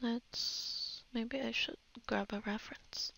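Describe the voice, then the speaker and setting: Whispering her way through an unscripted tutorial, a woman narrates her digital painting, hesitantly thinking aloud as she works. Her voice is fairly high, steady, slow and sharp-toned, with vocal fry.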